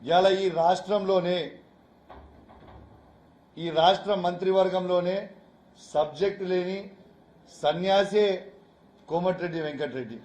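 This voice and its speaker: A man's voice: high voice, steady tone, slow pace, pauses often, darkish tone, reverberant, dull audio. A man from making a heated, angry press conference speech, firing off repeated rhetorical questions and insults.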